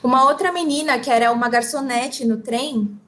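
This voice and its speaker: A woman with a Brazilian Portuguese accent interprets a talk phrase by phrase. Her voice is high and her delivery fast, and she keeps pace with the speaker. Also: fairly bright tone. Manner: quick, relaying phrase by phrase. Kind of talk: consecutive interpreting.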